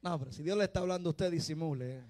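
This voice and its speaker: A man preaching a sermon, dropping to quiet confiding talk and rising to loud shouted exhortation. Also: a little high, racing.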